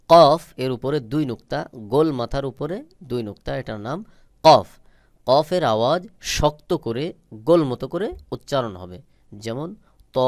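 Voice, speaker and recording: This man gives a slow, step-by-step lesson on Quran letter pronunciation, patiently repeating and drawing out every sound in an instructive manner. His voice sits in the mid range, and the recording has no room sound.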